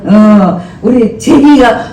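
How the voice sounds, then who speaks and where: A male senior pastor preaching a church sermon in an animated, conversational way, drawing replies from the congregation. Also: sits high, drawn-out words, slight background noise. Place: church sanctuary. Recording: roomy sound from some distance with faint ambience.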